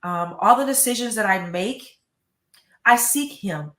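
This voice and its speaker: A woman's voice: mid-range voice, expressive, a little slow, a bit bright, reverberant. A middle-aged American woman, a school superintendent, giving earnest, emphatic interview answers and often repeating words. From United States.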